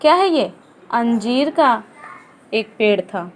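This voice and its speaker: High-voiced patient woman teacher. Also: animated. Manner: slow, patient, asks and answers her own questions. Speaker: primary school teacher. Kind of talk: online class lesson.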